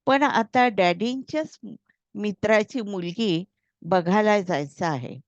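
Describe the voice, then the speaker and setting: A woman's voice: medium pitch, animated, takes it slowly, no echo. A woman reading as an eager young office worker. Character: young man, excited, talkative office worker. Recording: slightly dull, dry recording.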